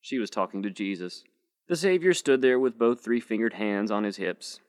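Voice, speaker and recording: A man narrating a short story in a steady, measured first-person reading. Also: on the low side, no echo. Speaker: audiobook narrator.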